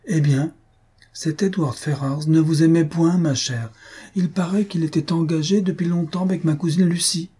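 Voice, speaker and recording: A man voicing an excited gossiping old lady. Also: a little high, normal speed, breathy edge, voice pushed up. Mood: gossipy. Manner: excited, exclaiming, talkative. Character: chatty gossiping older woman, fussy and self-important.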